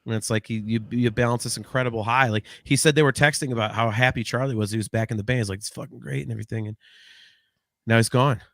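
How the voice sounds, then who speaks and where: A podcast co-host in his late forties talks in a loose, rambling way, restarting often and swearing casually. His voice is at an ordinary middle pitch, quick-paced and touched with vocal fry. The sound is close and dry, with no echo or room around it.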